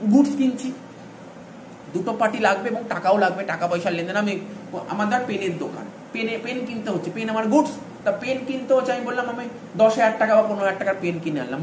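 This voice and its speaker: A man teaching accounting in an informal lecture, talking straight to his students and checking often that they follow. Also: high voice. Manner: informal, addresses students directly with frequent "all right?" checks. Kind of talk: classroom-style lecture. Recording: echoey room with faint ambient noise.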